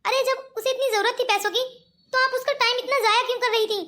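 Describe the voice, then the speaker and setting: A woman's voice: extremely high pitch, steady tone, quick pace, pushed and bright. Woman voicing a young businessman grandson. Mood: questioning. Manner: affectionate and questioning. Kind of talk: cartoon voice acting.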